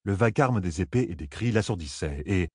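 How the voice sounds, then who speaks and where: A man reading a fantasy audiobook aloud with measured, dramatic delivery. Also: low voice, lively intonation, a little mellow, breathy edge, dry recording, studio quality. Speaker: audiobook narrator.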